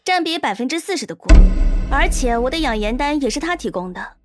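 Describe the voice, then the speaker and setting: An earnest young salon owner who speaks in a high, clear voice and stands her ground. Music runs beneath her. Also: sing-song, brisk. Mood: firm. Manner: earnest, worried. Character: young woman salon owner, caring but firm.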